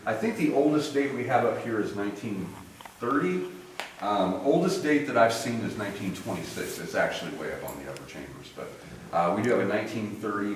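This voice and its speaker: Male tour guide, informal and explanatory, expressive intonation, heavy cave echo, slightly distant with faint noise. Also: on the low side. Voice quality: voice echoing in a cave. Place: inside a limestone cave.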